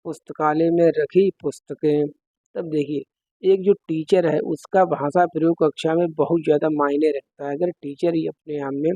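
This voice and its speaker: Man, teacher, exam-prep lesson, fairly high voice, step-by-step questions, dry close mic. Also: mellow, no room sound, poor audio. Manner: explains step by step, asks the listener questions.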